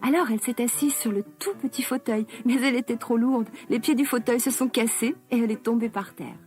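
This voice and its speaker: A woman narrating a children's story slowly and expressively. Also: on the high side, soft background music. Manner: slow, expressive, lively.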